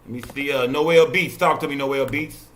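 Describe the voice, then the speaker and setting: A male host taking callers, brisk and casual. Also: medium pitch, fairly even intonation, fairly bright tone, a little hiss or hum. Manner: brisk, calls on viewers.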